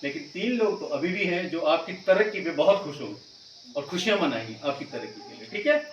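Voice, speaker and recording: A man's voice: on the high side, animated, brisk, echoey room, distant mic, dull audio, a little hiss or hum. A man teaching schoolchildren in a classroom, explaining patiently and often checking that they follow. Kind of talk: classroom lesson to children.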